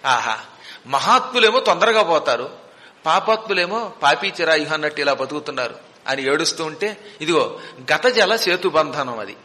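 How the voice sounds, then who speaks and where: Male discourse speaker, high bright voice, dramatic storyteller, recorded in a long echoing hall. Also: animated, moderate pace. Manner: dramatic, rhetorical questions, chants verses.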